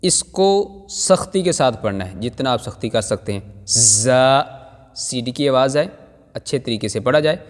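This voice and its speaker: A man teaching Quran reading, drawing out each Arabic letter slowly and then explaining patiently to parents, with much repetition. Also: mid-range voice, expressive. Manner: slow, drawn-out recitation of Arabic letters. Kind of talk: Noorani Qaida recitation lesson. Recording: hall reverb.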